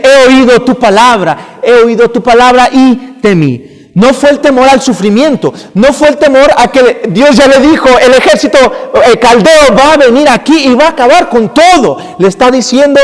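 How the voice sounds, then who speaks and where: A man's voice: high voice, long reverb tail. A man preaching an earnest sermon as pastor, calling the congregation brothers. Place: church sanctuary.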